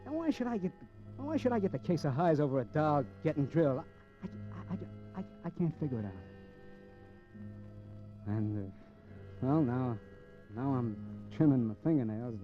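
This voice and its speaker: Here the radio gangster on death row, bitter and confused, gets a medium-pitched male voice with lively intonation and light acting. His slangy tough-guy speech stumbles and repeats words, in the style of 1940s-50s American crime drama. Music accompanies the muffled, old-fashioned recording.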